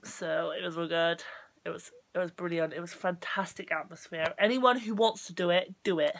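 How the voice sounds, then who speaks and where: A young English woman vlogging casually to camera, halting and soft-spoken with a stuffy, bunged-up nose. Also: fairly low pitch, fairly even intonation, vocal fry. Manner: halting, soft-spoken, full of ums and restarts. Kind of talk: casual talking-to-camera vlog.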